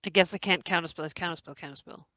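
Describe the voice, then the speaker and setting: A woman's voice: fairly low pitch, very fast, pushed and bright. A woman chatting casually as a player in a tabletop role-playing game.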